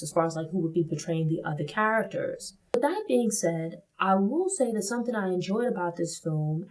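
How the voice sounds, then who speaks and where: A woman's voice: on the low side, darkish tone, rough recording. A woman from Brooklyn, New York, hosting a casual film review, talking in a thoughtful way that qualifies her points with frequent "like" and "you know".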